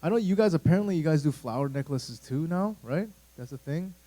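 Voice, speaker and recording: A man's voice: fairly high pitch, expressive, brisk, mellow, low-quality recording. A man in his thirties, a youth pastor giving a casual, rambling talk to a church youth group, full of fillers and asides. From United States. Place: church room.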